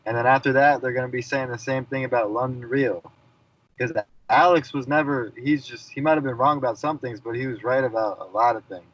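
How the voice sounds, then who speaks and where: A man's voice: mid-range voice, steady tone, brisk, fairly bright tone, highs cut off. A man co-hosting a podcast over a video call, chatting casually and teasing with a laugh. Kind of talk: casual chat.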